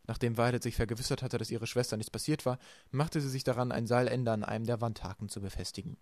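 A man reading a children's novel aloud as the narrator, telling the story in a lively way. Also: mid-range voice, fast, dry recording. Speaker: audiobook reader.

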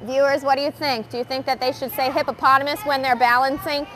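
A young woman coaching kids in a gymnastics gym, explaining stations calmly to viewers and calling out loudly to the girls. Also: high voice, fast talker, a little hiss or hum. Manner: upbeat, switches between calm explaining and loud calls to the kids. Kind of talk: live coaching demo addressing kids and viewers. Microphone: wearing the microphone.

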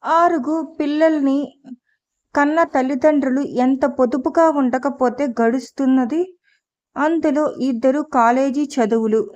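A woman narrating a story aloud as a scripted audiobook reading, in a slow, measured way. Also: high-pitched, darkish tone, highs cut off.

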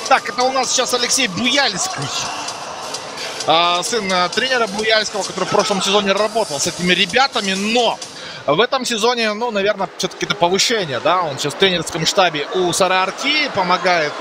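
A man giving live ice hockey commentary in a conversational way, pausing to find words. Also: high voice, over music.

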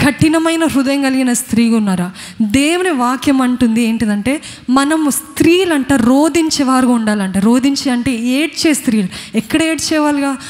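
A woman's voice: sits high, moderate pace, darkish tone. A woman with a Telugu accent preaching a sermon, earnestly questioning her congregation. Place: church. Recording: long hall reverb.

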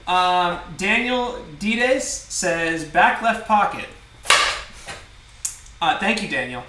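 A man's voice: sits high, slow pace. Young man chatting in an echoey kitchen. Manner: relaxed, laughing, reads viewer messages aloud. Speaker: host. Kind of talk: casual livestream chat. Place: home kitchen, indoors. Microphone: far camera. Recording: echoey kitchen from a distance, loud noise.

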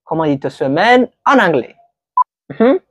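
A woman giving a slow vocabulary quiz lesson as an English teacher, patiently repeating each word for learners. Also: lowish voice, very animated, noisy background.

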